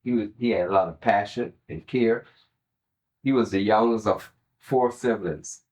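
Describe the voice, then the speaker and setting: A man's voice: lowish voice, unhurried, darkish tone. A man giving an oral history interview, sharing recollections as an interviewee.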